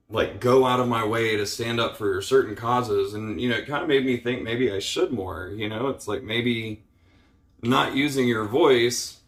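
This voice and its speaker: Recorded in an echoey room, a male vlogger rambles into his camera in a weary, frustrated rant, scattering fillers and casual swearing throughout. His voice is a bit bright and sits at a medium pitch.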